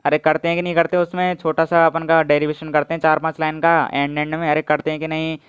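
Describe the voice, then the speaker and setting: A man teaching a physics class on video with lots of energy. He keeps prodding his students with questions and answers them himself. His fairly high voice comes through very clear and close, on a dry, slightly dull, lo-fi recording. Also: little pitch movement, fast, fairly bright tone, no echo. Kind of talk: online video lecture.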